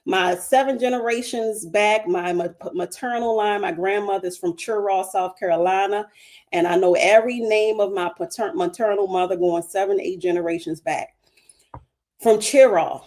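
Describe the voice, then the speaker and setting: A woman from Baltimore, USA, with a Baltimore accent appears as a spiritual guest on a livestream. Her voice is medium-pitched and darkish, at a moderate pace, and she speaks with passion and emphasis, building her points through repeated phrases.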